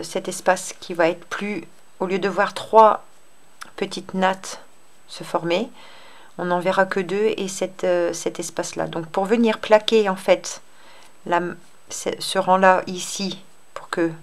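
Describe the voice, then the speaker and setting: A woman hosting a crochet tutorial, explaining step by step in an unhurried, hesitant way with many fillers. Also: medium pitch. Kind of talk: casual spoken tutorial.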